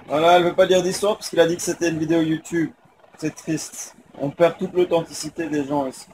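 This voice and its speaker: High-pitched young French man vlogging. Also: flat delivery, a little fast, a little mellow, a little hiss or hum, poor audio. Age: young adult. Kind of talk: casual handheld travel vlog chat. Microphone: handheld phone.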